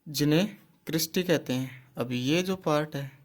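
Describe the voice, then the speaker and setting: With a voice on the high side at normal speed, a man gives an exam-prep biology lecture. He questions his class, answers himself and repeats the essential terms.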